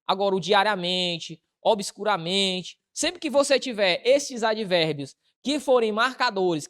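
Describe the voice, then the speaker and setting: A woman's voice: medium pitch, fairly bright tone. A woman with a Brazilian Portuguese accent teaching an exam-prep grammar lesson, asking herself questions and answering them in a colloquial way. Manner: asks and answers own rhetorical questions, colloquial.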